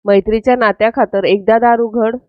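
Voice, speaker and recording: A woman's voice: a little high, fairly even intonation, brisk, no room sound, natural voice. A woman voicing an earnest, stubborn young woman who keeps pleading, in a dull, dry, lo-fi recording. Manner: pleading, insistent.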